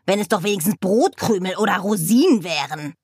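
A woman voicing a cranky know-it-all male raven who scolds in a shrill, squawking way. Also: animated, a little fast, husky, no room sound, studio quality. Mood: scolding.

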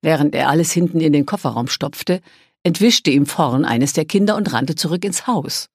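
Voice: medium pitch, a little mellow, slightly rough, no room sound, studio quality. An audiobook narrator reading a novel aloud in a lightly amused storytelling manner.

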